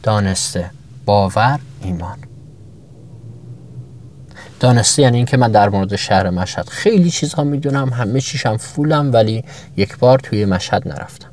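A man's voice: mid-range voice, animated, a little mellow, slight background noise. A man giving a motivational self-knowledge talk to his listeners, asking many rhetorical questions and stacking up examples, his voice often jumping upward for emphasis.

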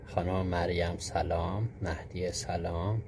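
A man's voice: sits low, flat delivery, gravelly, noisy background. A man hosting a live stream who greets viewers one by one and patiently explains answers to their questions, with frequent fillers. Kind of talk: casual live-stream teaching.

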